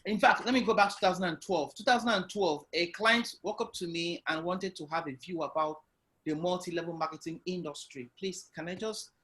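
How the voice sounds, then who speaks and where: Over a video call, a man being interviewed online describes his path as an entrepreneur. He tells it loudly and with animation, in a high, bright voice that moves a little fast.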